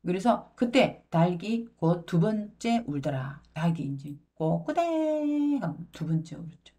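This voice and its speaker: A woman teaching a Bible lesson, explaining verse words and paraphrasing them into everyday speech with a halting, unhurried delivery. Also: fairly low pitch, sing-song, warm tone.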